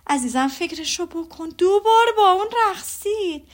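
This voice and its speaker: A woman reading aloud voices a gossiping middle-aged mother who gushes excitedly. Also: sits high. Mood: gushing. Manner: gushing and breathless.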